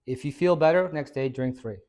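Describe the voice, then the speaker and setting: A man who is a fitness trainer, giving an informal, energetic talk to a small audience. He quizzes the listeners and tags many points with "right?". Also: medium pitch, brisk. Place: hair and skin salon, indoors.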